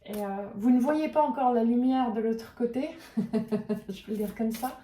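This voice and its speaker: A woman's voice: on the high side, measured pace, mellow, a little hiss or hum. A woman giving an intuitive tarot and oracle reading, speaking hesitantly and searching for words with many fillers. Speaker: tarot and oracle card reader. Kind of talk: intuitive card reading to camera. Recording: roomy echo, voice a little far from the mic.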